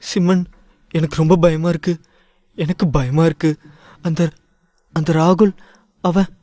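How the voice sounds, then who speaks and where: A man voicing a frightened young woman who pleads in a high, strained, tearful voice. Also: fairly even intonation, unhurried, dark tone, dry recording, close to an everyday voice. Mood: terrified, tearful.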